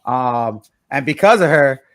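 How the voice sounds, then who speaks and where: A man's voice: mid-range voice, animated, unhurried, dry recording, studio quality. A man hosting a casual live-stream chat, upbeat, greeting guests and reading comments over a video call. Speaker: host.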